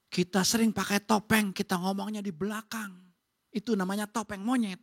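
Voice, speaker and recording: A woman pastor, preaching in a lively, colloquial way and acting out quotes. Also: mid-range voice, a little fast. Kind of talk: sermon. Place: church.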